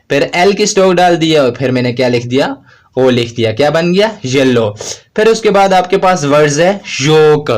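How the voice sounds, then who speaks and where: A man teaching a recorded shorthand lesson. He writes as he explains, keeps asking the class a question, answers it himself and repeats each point. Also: fairly high pitch. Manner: asks rhetorical questions and answers them himself; slow, repetitive explanation while writing.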